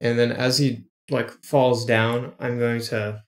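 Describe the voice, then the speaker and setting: A man playing a tabletop role-playing game, describing his character's attacks hesitantly with many pauses. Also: mid-range voice, flat delivery, reverberant. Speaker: player. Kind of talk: casual tabletop play.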